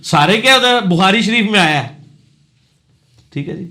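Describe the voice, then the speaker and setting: Male scholar, Punjabi accent, higher register, Q&A lecture, corrective and explanatory. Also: lively intonation, sharp tone. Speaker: religious scholar answering questions. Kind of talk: Q&A lecture on pronunciation.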